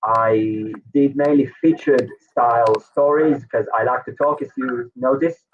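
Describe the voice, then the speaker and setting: Speaking unhurriedly in a mid-range voice, this Hebrew-speaking guest from Israel, in his thirties and with an Israeli accent, rambles through his story in an interview, full of fillers and restarts. His video call sound comes through distant and tinny, with a little noise.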